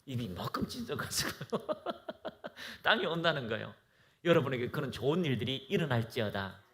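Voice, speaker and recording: Fervent pastor preaching with lively pitch. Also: male voice, moderate pace. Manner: fervent, exhorting, leads the congregation in reciting. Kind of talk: sermon. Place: church.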